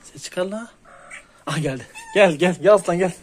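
Man vlogger, high voice, calls and scolds cats in quick repeats, faint hiss behind. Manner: coaxing and scolding animals, repeating words, calling pss. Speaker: hobby vlogger. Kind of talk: casual vlog while handling cats.

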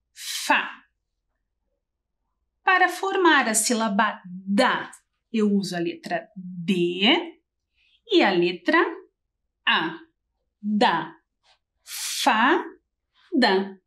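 A woman teacher leading a TV literacy lesson for young children, talking in a slow sing-song and stretching syllables as she counts letters. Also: medium pitch, a bit bright. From Brazil. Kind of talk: early-grade literacy lesson on TV.

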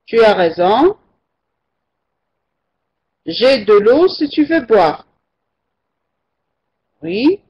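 Slow, husky woman teaching French. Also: a little high, big pitch swings. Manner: patient, repeats and corrects students' answers. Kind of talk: online language lesson. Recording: muffled lo-fi online class recording.

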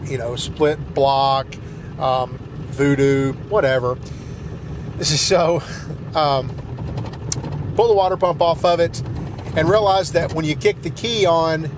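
Recorded on a dash camera inside a pickup cab as he drives through snow, this middle-aged Southern US man, a truck vlogger, tells a long, rambling story full of fillers and restarts. His pitch is fairly high and he talks slowly with long pauses, while road noise runs in the background.

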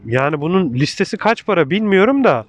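A man's voice: high-pitched, sing-song, brisk. A man giving casual, colloquial riding commentary as a motovlogger, speaking into a microphone inside his helmet while riding. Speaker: motorcycle vlogger reviewing a bike. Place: outdoors, riding a motorcycle in traffic. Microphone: microphone inside a motorcycle helmet. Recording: clear engine and road noise. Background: motorcycle engine and traffic noise.

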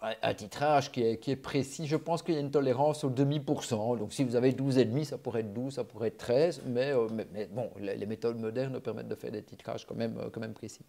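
Man, middle-aged, mellow dark tone, halting live Q&A full of fillers. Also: medium pitch, fairly even intonation, creaky. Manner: hesitant, many fillers and restarts, chatty. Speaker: wine tasting teacher answering live chat questions. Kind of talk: live-stream Q&A.

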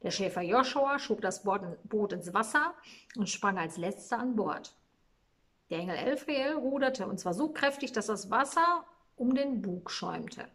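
A woman reading a Christmas storybook aloud in a calm, measured storytelling manner. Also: on the high side.

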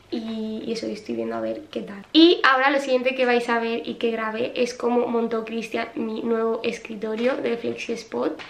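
A young woman from chats casually to camera in a home vlog, with plenty of fillers and asides to her viewers. Her voice sits a little high. The small home room around her sounds roomy and echoey. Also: vocal fry, slight background noise. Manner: chatty, lots of fillers, talks straight to viewers. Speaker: vlogger.

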